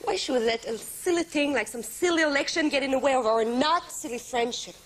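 A young woman playing a perky, chatty, excitable teenage girl in a TV sitcom, bubbly and rambling. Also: sits high, fairly quick, natural voice. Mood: placating. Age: young adult. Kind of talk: broad teen sitcom acting. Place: studio fast-food kitchen set. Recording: noisy old TV sitcom recording. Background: studio audience.

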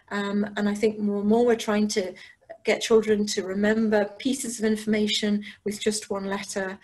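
Woman, educational psychologist, training webinar, breathy voice, conversational, ums and restarts. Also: medium pitch, a little mellow. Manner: conversational, thinking aloud with frequent ums and restarts. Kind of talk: teacher training webinar talk.

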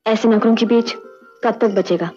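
An actress playing a calm, practical woman who gives firm advice. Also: on the high side, moderate pace, soft background music, lightly acted. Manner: firm and advising. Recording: dull old film soundtrack with score.

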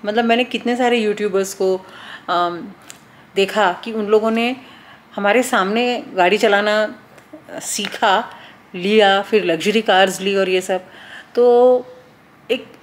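A woman in her forties chatting casually to her phone camera at home, thinking aloud with many fillers. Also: medium pitch. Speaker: vlogger. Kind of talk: casual vlog talk. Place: home interior. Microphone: phone camera at arm's length.

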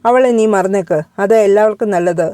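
A woman voicing a young man who speaks flatly and bluntly, without feeling. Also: mid-range voice, a little fast, no echo, studio quality, natural voice. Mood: cold. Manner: flat, cold, blunt. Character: cold, unmoved young man.

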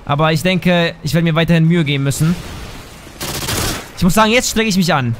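A gaming commentator with a voice on the high side talks briskly over his own shooter game in a casual let's-play, frustrated, swearing and thinking out loud. Gunfire and sound effects from the game play behind him, along with background noise.

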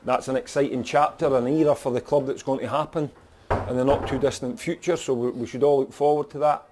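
A man's voice: mid-range voice, steady tone, fairly quick, noisy background. A man with a Scottish accent, a football manager talking frankly after a match and often saying "you know". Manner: frank, plain-spoken, peppered with "you know". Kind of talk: post-match interview.

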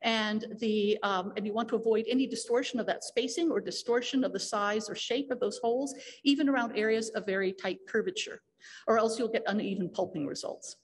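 A woman's voice: mid-range voice, steady tone, a little fast, slightly rough. Woman giving a technical conference talk. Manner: explanatory, with frequent fillers and restarts. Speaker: conference speaker. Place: lecture hall.

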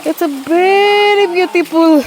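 A woman's voice: very high voice, fairly even intonation, slow pace. A woman narrating a casual hiking vlog, out of breath, chatty and full of exclamations, mixing English into her talk. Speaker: vlogger. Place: outdoors on a forest trail by a waterfall.

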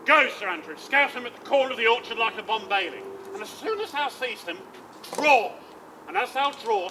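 A man on an open-air stage playing a boisterous, scheming old knight who talks in a loud, swaggering, theatrical way. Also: very high-pitched, full character voice. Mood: rousing. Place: outdoor stage. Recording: outdoor recording with traffic noise.

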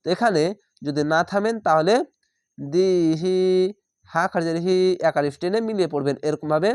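A man with a Bangladeshi Bengali accent teaching Quran reading, spelling out letters and vowel marks one by one and then reciting slowly. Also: fairly high pitch, smooth, no room sound, clean studio sound.

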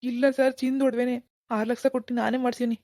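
A woman's voice: fairly high pitch, flat delivery, quick pace, darkish tone, dry recording, clean studio sound, natural voice. A woman voicing a pleading village man. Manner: pleading, bewildered, keeps begging "sir". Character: anxious village man pawning his gold. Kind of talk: animated cartoon dialogue.

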